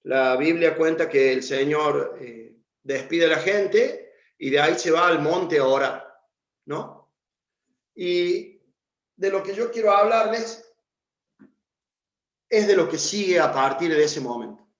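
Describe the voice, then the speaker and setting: A man's voice: on the high side, slow. A man preaching a sermon and reading from the Bible, in a conversational way with fillers. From Argentina. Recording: echoey room, dull lo-fi sound.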